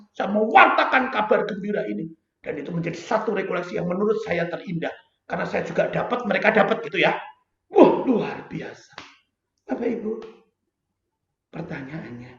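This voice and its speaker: An animated man delivers a sermon, his pitch leaping up and down. He keeps turning to the listeners for agreement. The sound is roomy and dull, like an online call. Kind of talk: sermon to an online prayer group.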